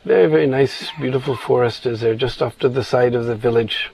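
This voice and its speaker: A man's voice: mid-range voice, brisk, creaky, a little mellow, rough recording. A man telling a scripture story in an informal sermon, meandering with restarts and frequent "you know".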